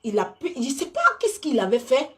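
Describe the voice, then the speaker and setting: Woman ranting on a live stream, swoopy lively voice, keeps repeating herself for emphasis. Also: high voice, moderate pace. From Côte d'Ivoire. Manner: animated, emphatic and repetitive, talking straight to viewers. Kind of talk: unscripted live stream talk.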